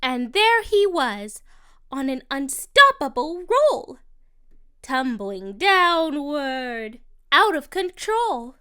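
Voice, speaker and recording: A woman narrates a rhyming picture book for children, her voice very high and bright. She takes her time, lingering on each line in a sing-song rhythm with lively rises and falls. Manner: slow, expressive, sing-song rhyming delivery. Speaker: storybook narrator.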